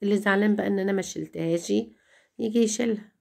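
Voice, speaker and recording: A woman's voice: mid-range voice, racing, gravelly, a little mellow. A middle-aged Egyptian woman chatting to viewers in a home vlog, complaining and repeating herself as she talks. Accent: Egyptian Arabic. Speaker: home vlogger.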